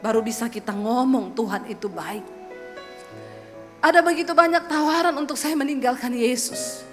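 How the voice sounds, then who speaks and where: A woman pastor from Sulawesi preaching a sermon, telling her own story with lively humor. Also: high voice, a little fast. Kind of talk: sermon with personal testimony. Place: church hall. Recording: echoey hall with soft music.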